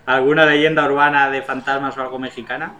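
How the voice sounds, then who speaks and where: A man's voice: medium pitch, little pitch movement, fast, pushed and bright. A man chatting casually, hesitant and full of questions. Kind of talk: casual chat among friends.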